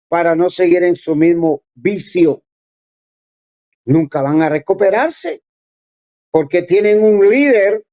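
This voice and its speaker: An earnest preacher delivers a sermon, exhorting his listeners and addressing them directly. The voice is medium-pitched with a darkish tone, and the recording is dull and lo-fi.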